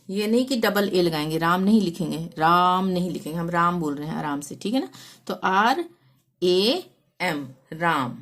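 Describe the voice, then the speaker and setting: A woman's voice: mid-range voice, fairly bright tone. A woman teaching a lesson, patiently explaining spelling step by step and sounding out letters one at a time. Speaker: Hindi teacher.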